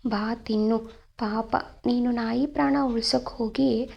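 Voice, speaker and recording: A woman's voice: a little high, steady tone, a little slow, gravelly, muffled recording. A woman playing a teasing older brother.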